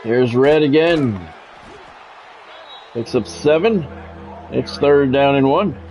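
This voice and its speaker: The streamer narrates the game's football action like an announcer, then drops into wry, sometimes profane complaints. His mid-range, darkish voice takes things slowly, with slight background noise behind it.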